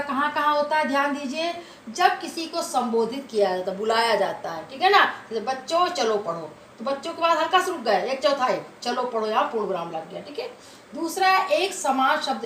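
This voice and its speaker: A woman's voice: sits high, fairly bright tone. A woman teaching a grammar lesson to children, explaining step by step and often checking that they follow. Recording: echoey room with faint noise.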